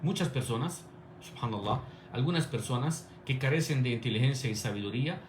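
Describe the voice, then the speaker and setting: A man giving an earnest Islamic sermon, building points in repeated lists and reciting Arabic passages quickly. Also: mid-range voice, animated, reverberant, a little hiss or hum. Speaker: Islamic preacher.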